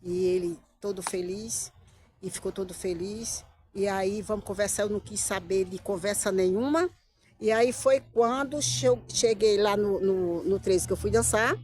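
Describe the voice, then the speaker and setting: A middle-aged woman recounts something from her own life in a casual vlog, speaking a little slowly in a mid-range voice. Her delivery is animated, with repetition and acted-out versions of other people's lines.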